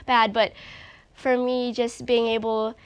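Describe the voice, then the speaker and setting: A woman's voice: medium pitch, fairly even intonation, moderate pace, smooth. A young woman from Hawaii, a recording artist being interviewed, talking earnestly and openly with a slightly congested voice. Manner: earnest, open, frequent "like". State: a little congested. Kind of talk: casual interview chat.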